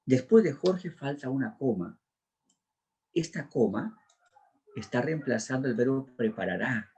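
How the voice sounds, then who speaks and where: Male lecturer, husky voice, methodical step-by-step explanation. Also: medium pitch, expressive, a little slow, darkish tone. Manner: drilling, walks through answers step by step. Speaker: teacher. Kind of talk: exam prep lecture.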